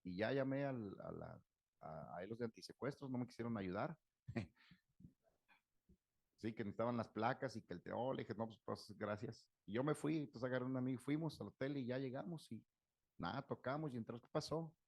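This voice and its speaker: A man's voice: mid-range voice, very animated, a little fast, gravelly, darkish tone, no echo. A Mexican man giving a casual talk on fear, telling anecdotes and acting out the dialogue in them. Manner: storytelling, acts out dialogue with shifting voices.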